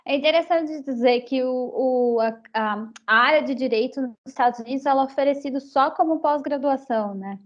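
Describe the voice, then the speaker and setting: A woman's voice: high voice, a little fast, few pauses. A woman interviewing a guest and checking in with short tag questions. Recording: dull lo-fi audio.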